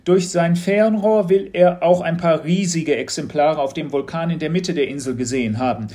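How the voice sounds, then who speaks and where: Audiobook role: male narrator doing a knowing, insinuating teacher, higher and louder than his narration. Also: normal speed, lightly acted. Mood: probing. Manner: insinuating, leading questions. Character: mysterious probing male teacher, knowing and sly. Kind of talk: audiobook storytelling.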